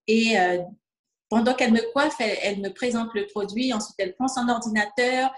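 A woman's voice: on the high side, fairly quick, echoey room. A woman in her fifties from French Guiana, telling her story in an interview with many hesitations. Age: 50s. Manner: hesitant, many fillers, acts out quoted dialogue. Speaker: interviewee, distributor. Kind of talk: testimonial interview.

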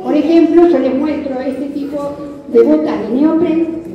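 Her high-pitched voice comes through muffled as this middle-aged Rioplatense Argentine woman gives a measured, conversational kayak fishing safety lesson, checking in with question tags. She uses a handheld mic over the PA in a large, hard-floored club hall with a seated audience. The distant camera picks up echo and crowd murmur.

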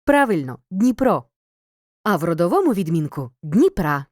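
A woman reading a scripted grammar lesson as a teacher, clear and measured, pausing between listed words. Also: fairly low pitch, sing-song, no room sound. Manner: clear, measured, reads word lists with pauses. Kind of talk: scripted educational narration.

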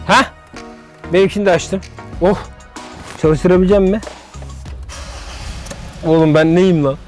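A man vlogging in a joking, animated way, talking to his viewers. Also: sits high. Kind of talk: comedic vlog.

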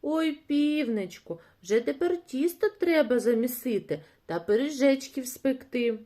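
Squeaky, carefree storybook mice, woman reader doing both. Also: animated, a little slow, dark tone. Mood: eager. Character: two lazy, playful little mice. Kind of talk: storybook reading for children.

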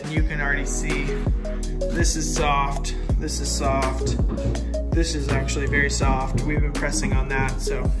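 An American contractor and vlog host in his thirties, his voice on the high side, gives an informal, explanatory walkthrough of a renovation. Filmed handheld on a phone or camera at arm's length, he moves through a house, garage and covered patio with music playing behind.

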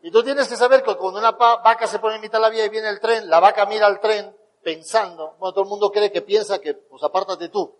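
A high-voiced male motivational speaker tells stories to an audience, talking fast with few pauses. He's an animated storyteller who acts out quotes, and a long hall reverb colors the recording.

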